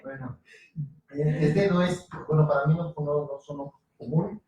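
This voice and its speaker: Hesitant host, muffled echoey sound. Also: male voice, fairly high pitch, unhurried, dark tone, distant mic. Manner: hesitant, fillers. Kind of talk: casual talk.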